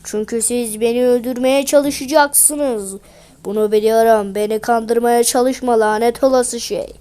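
A woman's voice: fairly high pitch, steady tone, measured pace, warm tone, clear, resonant tone, pitched below the performer's own voice, close to an everyday voice. A woman voicing a huge, hostile male ice golem who snarls threats and insults in a game video. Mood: menacing.

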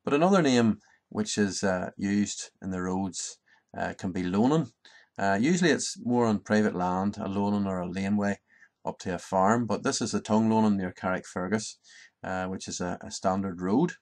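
A man in his fifties speaks with a Northern Irish accent from County Antrim, in a fairly low voice. He presents informally, like an explainer at his desk, and often hesitates mid-sentence as he goes. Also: normal speed, a little mellow. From Ballycarry, County Antrim, Northern Ireland. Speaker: presenter explaining local language and place names. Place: small book-lined study, indoors.

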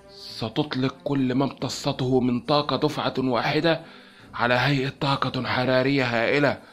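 A man's voice: medium pitch, a bit bright, pitched above the performer's own voice, natural voice. A man putting on a cold sneering alien emperor.

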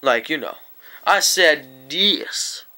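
A man's voice: fairly high pitch, lively intonation, a little slow, sharp tone, smooth. A man telling a rambling, profane story-time tale to his vlog audience, often breaking into laughter. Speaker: vlogger.

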